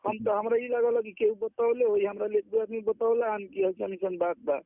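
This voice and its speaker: Over a muffled recorded phone call, a man with a Bhojpuri accent chats informally, pleading and persuading and often checking that the listener agrees. He is a music artist with his own studio. His high, creaky voice swings widely in pitch at a moderate pace, with no room sound.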